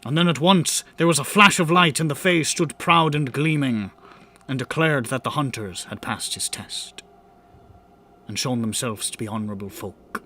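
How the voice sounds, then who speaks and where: A man's voice: medium pitch, moderate pace, bright, forceful tone, voice pushed up. A man voicing a bard who recites an old fantasy tale in a grand, rhythmic, theatrical storytelling manner. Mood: grand, solemn. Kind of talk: scripted fantasy tale narration.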